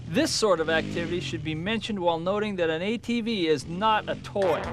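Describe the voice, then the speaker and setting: High-voiced man narrating a safety lesson from a worn VHS tape copy. He reads a scripted lesson with firm, cautionary instructions. Country guitar music plays clearly behind him. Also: brisk. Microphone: voice-over.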